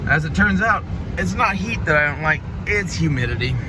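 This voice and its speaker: A man's voice: a little high, lively intonation, moderate pace, recorded from a distance. A man in a casual, rambling monologue while driving, blunt and colloquial, swearing freely. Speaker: vlogger. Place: inside a moving car. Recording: loud car noise, voice off mic. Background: vehicle and road noise.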